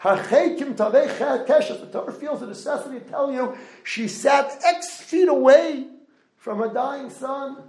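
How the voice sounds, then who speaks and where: A man giving a Torah lecture, animated, asking the audience rhetorical questions. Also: extremely high pitch, a little slow, echoey room, low-quality recording. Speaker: rabbi lecturer.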